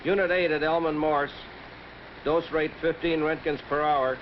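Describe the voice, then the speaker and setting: An actor playing a civil defense field worker giving a clipped, procedural radio report in a 1960s film. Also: male voice, on the high side, steady tone, normal speed, close to an everyday voice. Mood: businesslike. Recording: dull, noisy vintage film soundtrack.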